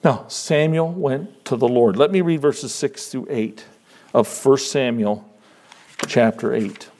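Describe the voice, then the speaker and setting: A male pastor preaching a sermon in a conversational way, moving between hushed asides and emphatic lines. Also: medium pitch, takes it slowly.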